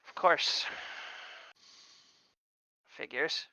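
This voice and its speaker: A man playing in a tabletop game, with dry, wry remarks and a lively way of speaking. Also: very slow, dry recording, low-quality recording. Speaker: player. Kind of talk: tabletop role-play chat.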